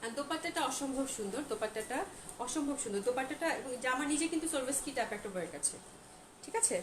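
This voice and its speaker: A woman with a high, lively voice races through a live-stream clothing showcase, chatting and gushing over every dress while dropping in English phrases. She's an online clothing seller who is feeling hot, and the recording comes from an echoey room full of loud background noise.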